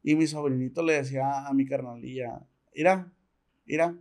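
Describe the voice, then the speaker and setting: A podcast guest with a Mexican accent tells a story at a fairly quick clip in a medium-pitched voice. He's slangy and animated, acting out the quoted dialogue as he goes.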